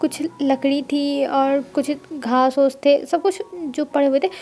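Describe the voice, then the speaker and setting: A woman telling a love story aloud in a casual, conversational way that loops back on itself. Her voice is high yet mellow and warm. She speaks as the storyteller throughout. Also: fairly even intonation, measured pace. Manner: conversational, repetitive retelling. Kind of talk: retelling fan fiction aloud.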